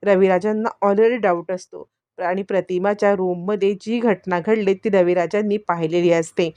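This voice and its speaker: A woman's voice: fairly even intonation, moderate pace, dark tone, smooth, no room sound, lo-fi sound. Woman retelling a serial, dry sound. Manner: acts out characters' lines with rising pitch; repetitive, conversational retelling. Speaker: serial recap narrator. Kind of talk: storytelling recap of a TV serial.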